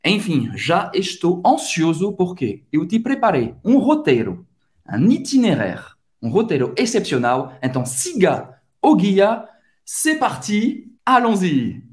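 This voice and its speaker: This man's voice sits high and swoops wildly in pitch. He's a native French speaker with a French accent who hosts a channel and teaches the language, elongating each word in slow drills to demonstrate pronunciation.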